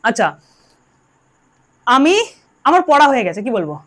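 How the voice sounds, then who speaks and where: A woman's voice: on the high side, big pitch swings, normal speed. A woman teaching English grammar to a class, drilling her students and telling them to answer aloud. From Bengal. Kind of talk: classroom lesson.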